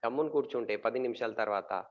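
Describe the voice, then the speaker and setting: A man giving a talk about marriage to an audience. He asks questions and answers them himself, pausing often with fillers and repeating words. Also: mid-range voice, dull audio.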